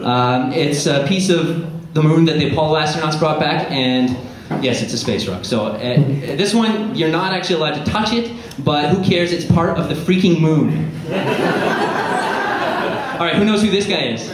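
A man in his thirties giving an informal, jokey, halting, self-deprecating stage talk as a science presenter. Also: fairly high pitch. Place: theatre stage before an audience. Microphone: handheld microphone. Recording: echoey theatre PA with audience noise.

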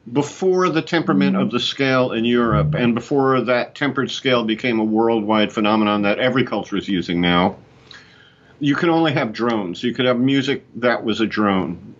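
On a headset during a casual video call from a room at home, a sixty-something musician and co-host tells stories in an animated, chatty way, laughing often. He speaks at medium pitch and normal speed, and the audio is dull.

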